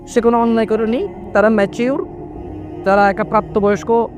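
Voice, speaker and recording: A young man preaching a sermon in an animated way, slipping English words into his talk and lowering his voice when he quotes others. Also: a little fast, over music. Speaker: Islamic preacher. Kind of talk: waz sermon.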